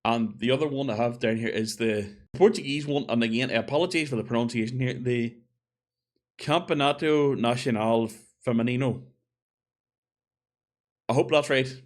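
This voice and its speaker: A man's voice: mid-range voice, quick pace. Chatty man thinking aloud. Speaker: gaming video creator. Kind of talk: casual opinion monologue.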